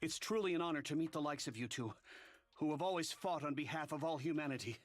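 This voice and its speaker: A man's voice: a little high, fast talker, soft background music, natural voice. An actor playing a groveling, fanatical male platoon leader in a game, stammering with over-the-top reverence. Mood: awestruck groveling. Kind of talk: game voice acting.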